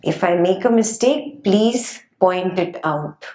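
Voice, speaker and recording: A woman teaching a class on Buddhist scripture, explaining gently and often checking in with her students. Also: medium pitch, slow, reverberant. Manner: gentle, frequent checking questions, laughs often. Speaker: dharma teacher.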